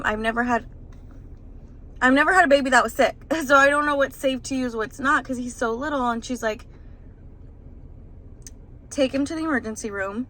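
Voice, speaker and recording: A woman's voice: fairly high pitch, a bit bright, slight background noise, rough recording. A young woman, a new mother, casually telling a vlog story in a rambling, emotional way, still stressed and shaken. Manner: rambling, emotional retelling with many fillers.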